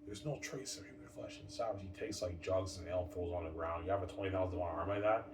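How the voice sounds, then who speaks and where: Far from the microphone, a man in his thirties talks fast in a low-pitched voice, casually rambling to his viewers and calling them guys. As a vlogger he keeps returning to the same phrases, while the echoey room adds background noise.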